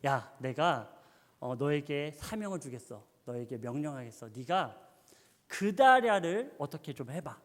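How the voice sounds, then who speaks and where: A man's voice: fairly high pitch, sing-song, measured pace, long reverb tail. A man voicing a scheming male king who gives a casual, bossy order.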